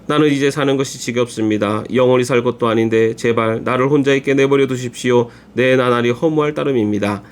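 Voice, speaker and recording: A man reading a long scripture passage aloud for a church, in a steady, measured voice. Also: mid-range voice. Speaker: church Bible reader.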